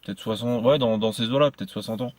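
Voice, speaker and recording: A man telling a personal story to a friend, tripping over his words and circling back on phrases again and again. His voice sits at an ordinary middle pitch and is recorded close and dry, with no room sound. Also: quick pace, a little mellow, dry recording. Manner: stumbling, repeats himself often. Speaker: podcast host. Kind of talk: casual storytelling chat.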